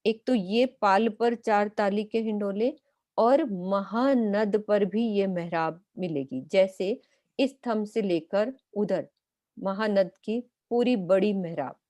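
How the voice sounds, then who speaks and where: A woman speaks as a spiritual teacher, patient and methodical as she points out details one by one. Her voice is warm and mellow. The recording is close and dry. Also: mid-range voice, slow pace, no room sound. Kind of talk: explanatory lesson.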